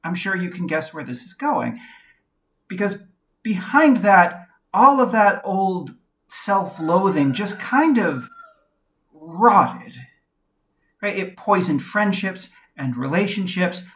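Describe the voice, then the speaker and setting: Woman, reflective first-person narration, quiet and measured, candid, pauses often. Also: fairly low pitch, sing-song. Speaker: video essayist.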